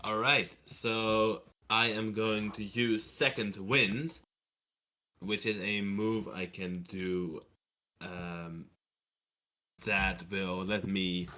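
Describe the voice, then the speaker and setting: A man playing a fighter in a tabletop game, deliberate as he checks the rules. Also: lowish voice, bright, forceful tone. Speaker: player. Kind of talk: casual tabletop game chat.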